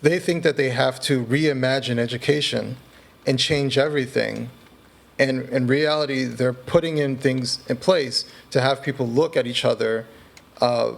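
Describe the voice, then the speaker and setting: A man, a podcast guest, talking through his argument in an earnest, measured way and often checking in with the listener. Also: mid-range voice, gravelly. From United States. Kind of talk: conversational interview.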